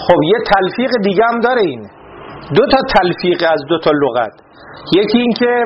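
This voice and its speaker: High-voiced man lecturing on grammar. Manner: explains step by step, often checking students understand. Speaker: teacher of Arabic grammar. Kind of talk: classroom lecture. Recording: dull lo-fi recording with faint noise.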